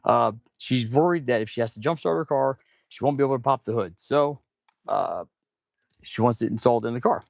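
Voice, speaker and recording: Male livestream host, mechanic type. Low, creaky voice, stuffed-up nose, audible mouth breathing, informal rambling delivery, close dry sound. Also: brisk, dry recording. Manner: rambling, informal, addresses viewers as "man" and "guys". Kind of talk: casual livestream chat while working.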